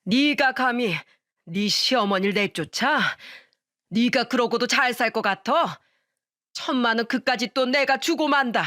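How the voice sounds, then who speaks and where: A woman voicing an angry, boastful older father-in-law in a radio story, shouting in a bullying way. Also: fairly high pitch, a little slow, no echo, clean studio sound, pitched above the performer's own voice.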